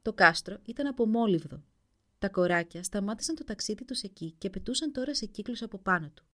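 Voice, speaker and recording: A woman narrating a fairy tale in an expressive, animated way. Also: medium pitch. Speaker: storyteller.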